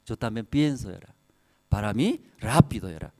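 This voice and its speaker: Lively male pastor, broken Spanish. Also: on the low side, normal speed. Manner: animated storytelling in broken Spanish, frequent laughter. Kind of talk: sermon with personal stories.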